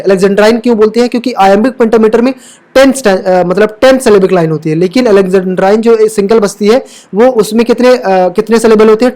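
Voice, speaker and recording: A woman's voice: mid-range voice, darkish tone. A woman teaching English literature for exam prep, asking rhetorical questions, checking in often and fixing her own slips as she talks. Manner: corrects own slips mid-sentence. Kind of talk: exam-prep lecture mixing Hindi and English terms.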